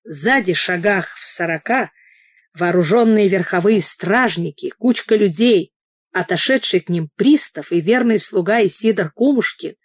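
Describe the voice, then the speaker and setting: Woman narrator for an audiobook: expressive delivery, dry close mic. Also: fairly low pitch, husky, no echo. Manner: expressive reading with character voices. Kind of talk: audiobook narration, reading a novel.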